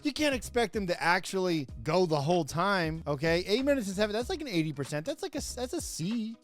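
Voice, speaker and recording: A man's voice: sits high, very animated, brisk, faint music behind. A man hosting a comedic review of an old wrestling show, sarcastic, with laughing asides and mock outrage. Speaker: host, wrestling commentator.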